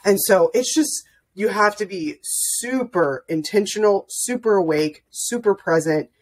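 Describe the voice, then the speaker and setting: A woman's voice: medium pitch, expressive, a little slow. A young woman hosting a podcast, chatting earnestly and emotionally, often restarting her sentences. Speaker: podcast host. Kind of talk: casual interview chat.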